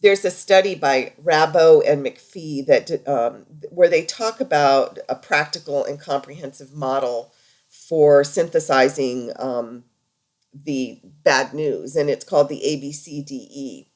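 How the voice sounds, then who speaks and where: A woman's voice: low voice, unhurried, darkish tone. A woman lecturing over slides in an informal, conversational and explanatory way, as a healthcare practitioner teaching.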